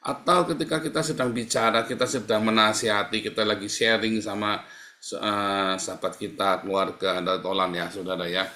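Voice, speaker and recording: A man's voice: fairly low pitch, flat delivery, moderate pace, pushed and bright. A middle-aged man preaching a live-streamed sermon, repetitive and exhorting, who keeps calling his listeners "saudara". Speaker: pastor. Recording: echoey room.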